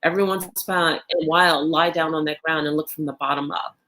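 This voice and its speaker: Low-voiced woman wellness co-host. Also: fairly even intonation, fairly quick, pushed and bright. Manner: affirming, reflective, urging. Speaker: podcast co-host, wellness presenter. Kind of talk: motivational podcast talk.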